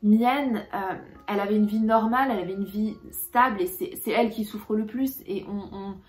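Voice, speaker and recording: A woman's voice: mid-range voice, moderate pace, echoey room, soft background music. A young woman talking casually about books she read, hesitating often with fillers and restarts. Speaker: book vlogger. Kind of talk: casual book review.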